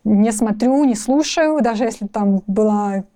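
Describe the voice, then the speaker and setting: A young Ukrainian woman, a guest in a conversational interview, speaks thoughtfully but with frequent restarts and hesitations. Her mid-range voice is warm and measured in pace.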